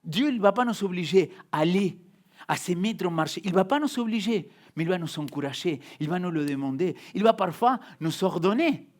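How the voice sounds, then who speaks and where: A young adult man preaching a sermon as a pastor, speaking French with a non-native accent, emphatic, swinging between loud and hushed, repeating words. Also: high voice, lively intonation, moderate pace.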